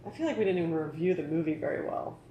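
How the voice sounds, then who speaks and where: A man's voice: on the high side, expressive, racing, dark tone, lo-fi sound. A tipsy man co-hosting a casual movie review with short, offhand remarks. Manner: tipsy, offhand, brief interjections. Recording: roomy echo with background noise.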